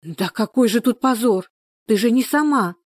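A practical village woman speaks briskly, with worried concern and coaxing advice, as a woman reader puts her on. The voice is warm and slightly raised, dry and close to the mic. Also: on the low side, no echo, lightly acted.

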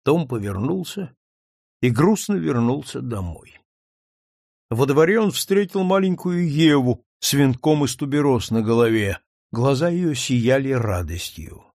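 Gravelly, expressive male audiobook narrator. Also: medium pitch, no echo, clean studio sound. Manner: expressive, measured reading. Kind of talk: scripted narration.

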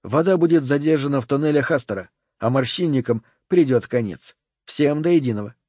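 A man reading an audiobook voices a calm, courteous and commanding male FBI agent who speaks in a measured way. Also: medium pitch, no echo, clean studio sound, close to an everyday voice.

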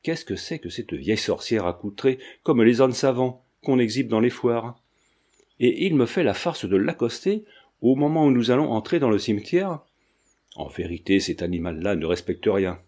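Man voicing a stern, irritated gentleman painter. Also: medium pitch, expressive, normal speed, husky. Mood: exasperated. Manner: stern, exasperated.

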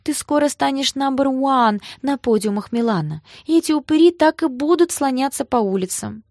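Woman playing a shrill, fearless sister. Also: expressive, normal speed, a little mellow, no echo, studio quality. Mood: soothing.

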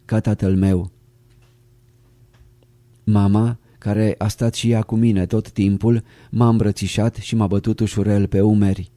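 A man reading a first-person memoir aloud as an audiobook narrator, calm and measured, close to the mic. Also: on the low side, no room sound.

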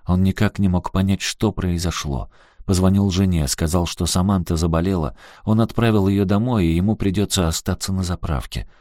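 A man narrating an audiobook in a measured storytelling manner. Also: deep voice, steady tone, dark tone, dry recording, studio quality. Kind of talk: scripted narration.

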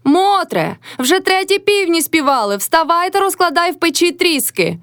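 A woman's voice: high voice, lively intonation, fairly quick, a bit bright, dry recording, clean studio sound, voice pushed up. A woman voicing a bossy, nagging older peasant mother-in-law who scolds her household. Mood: scolding. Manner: nagging, commanding.

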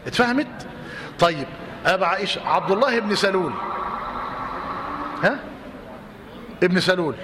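A man with an Egyptian accent teaching a class, repeating his points and quizzing his students. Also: high voice. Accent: Egyptian Arabic. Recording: roomy reverberant hall, faint noise.

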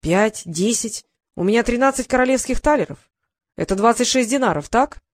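A proud, brash young apprentice wizard, as a woman reading a storybook puts him on, loud and indignant, pushing his claims hard. The voice is dry and close, with no room around it. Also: fairly high pitch, animated, moderate pace, no echo.

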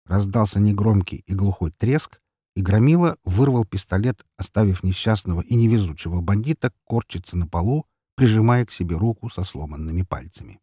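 A man narrates an audiobook in a low, husky voice with a dry, close sound. His reading moves up and down in pitch as he tells the story in the first person. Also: animated, fairly quick, warm tone, dry recording.

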